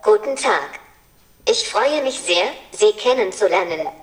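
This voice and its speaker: A woman's voice: medium pitch, lively intonation, a little slow. Cheerful synthetic female robot voice, roomy. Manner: polite, cheerful assistant phrasing. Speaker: humanoid service robot. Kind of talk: scripted demo talk. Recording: roomy and far from mic.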